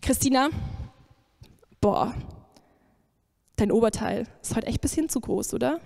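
A sneering male devil spits mocking taunts, as a woman preacher acts him out. His voice sits fairly high and stays in the speaker's plain register, with a scornful, belittling edge. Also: expressive, a little slow, creaky, mellow. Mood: taunting. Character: sneering male devil whispering cruel lies.

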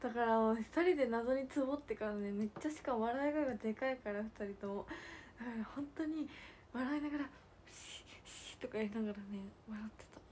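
A woman's voice: on the high side, brisk, a little hiss or hum. Chatty young woman with a lilt. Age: young adult. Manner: chatty and giggly, dropping to soft near-whispers to thank viewers. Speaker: idol livestream host. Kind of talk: casual livestream chat reading fan comments.

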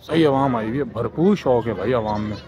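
A man, excitedly vlogging as he walks around a crowded livestock expo hall, chatty and full of exclamations. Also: medium pitch, a little fast, dull audio, a crowd in the background. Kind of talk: walking tour vlog. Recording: music playing loudly behind.

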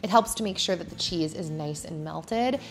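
A woman in her thirties voices over her cooking vlog from home, with faint music behind her. Her fairly low voice moves at a moderate pace, and her manner is laid-back and chatty, sprinkled with casual fillers.

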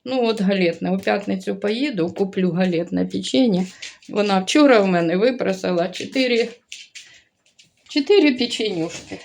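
A woman's voice: mid-range voice, brisk, creaky, darkish tone. Older woman, grandmother vlogger at home, rambling chatty delivery. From Ukraine. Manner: chatty and rambling, mixing two languages. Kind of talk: casual home vlog chat.

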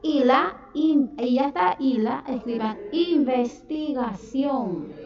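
A woman's voice: high voice, expressive, measured pace, vocal fry, a crowd in the background. A woman teaching a third-grade online class in Spanish, dictating and calling her pupils by pet names. She is from Ecuador and speaks with an Ecuadorian coastal accent. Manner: affectionate, calls pupils "mi amor" and "mi vida". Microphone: computer mic on a video call. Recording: echoey, distant, dull video-call audio with children talking. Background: children's voices.

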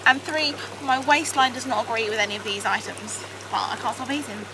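Young woman vlogging from a hot tub, chatty, a bit high, noisy outdoor background. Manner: chatty, self-mocking, quick. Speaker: vlogger, mum. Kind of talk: casual chat.

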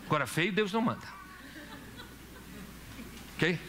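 A man's voice: high voice, expressive, measured pace, sharp tone, a little hiss or hum. A man preaching a sermon in church as pastor, asking the congregation questions and telling stories. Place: church hall.

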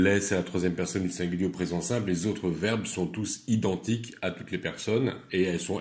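A man teaching, reciting irregular verb forms slowly and deliberately, then explaining them in a calmer, lower tone. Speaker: English teacher.

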